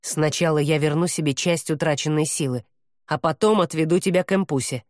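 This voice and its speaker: A woman voicing a proud male demon who talks in a low, growling, contemptuous way, as in an audiobook. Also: fairly quick, a little mellow, dry recording, clean studio sound, close to an everyday voice. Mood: cold.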